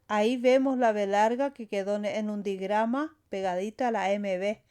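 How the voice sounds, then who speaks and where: A woman's voice: medium pitch, steady tone, moderate pace, warm tone, smooth. A woman teaching a language lesson, saying sounds and words one at a time and stressing the final syllables. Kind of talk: slow explanatory lesson.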